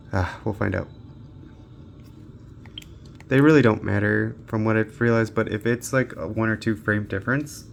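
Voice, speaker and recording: A handheld gaming reviewer gives casual, off-the-cuff commentary while testing games, muttering and thinking aloud. His voice is fairly low with vocal fry, and there's a little hiss or hum.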